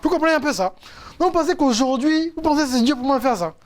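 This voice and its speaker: Male coach, lively storyteller, faith testimony, mid-pitched. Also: quick pace. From France. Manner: animated storytelling, acts out quotes. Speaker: coach and speaker.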